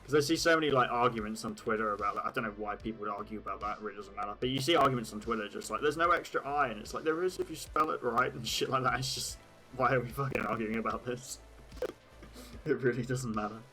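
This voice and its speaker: English male streamer, casual rambling chat, bright sharp tone, light swearing, faint music under. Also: on the low side, fast talker, poor audio. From England. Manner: rambling, swearing, laughing at his own jokes.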